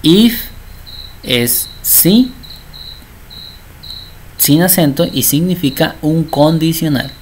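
A man's voice: fairly high pitch, lively intonation, drawn-out words, long pauses, a little hiss or hum. A man teaching a programming class, chatty and constantly checking that his students understand. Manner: acts out little dialogues. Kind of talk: programming lesson.

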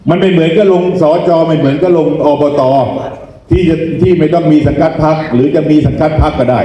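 Echoey, high-pitched man giving rally speech. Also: dark tone. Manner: folksy, repeatedly asking the crowd questions. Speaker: parliamentary election candidate. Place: rally venue, speaking to a gathered crowd. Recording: echoey public address sound.

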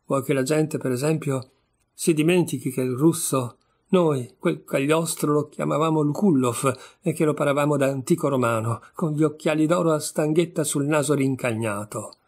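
A man's voice: a little high, moderate pace, darkish tone, slightly rough. A man reading as a bitter, sardonic young man. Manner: ironic, wry, bitter. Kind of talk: audiobook reading of a short story.

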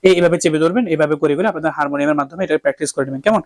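Here a man on the higher side talks very fast, recorded dry. His harmonium-backed singing lesson moves step by step as he checks on the class with frequent "okay?"s before holding out vowel drills.

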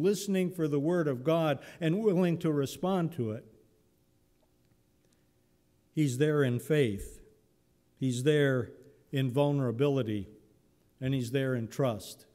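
A man preaches from the pulpit, taking his time and speaking in a mellow, warm tone. He tells Bible stories conversationally, with some humor. His voice rings out into a reverberant church sanctuary. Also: on the high side, measured pace, long pauses. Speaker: pastor. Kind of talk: sermon.

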